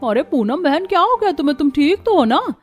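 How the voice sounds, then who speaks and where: A woman voicing a concerned middle-aged female neighbor in an animated cartoon, who scolds in a high, shrill voice. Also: brisk. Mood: worried.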